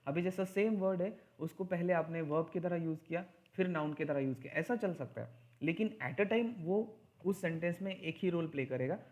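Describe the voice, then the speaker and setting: A man teaching an English grammar lesson in Hindi mixed with English, slowing down to stress key points. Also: on the high side, darkish tone.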